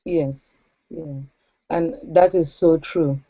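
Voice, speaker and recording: Woman in her forties, interview guest; mellow, earnest storytelling, dry close sound. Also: low voice, steady tone, no room sound. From Trinidad. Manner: earnest, reflective, with pauses and fillers. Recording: dull lo-fi sound.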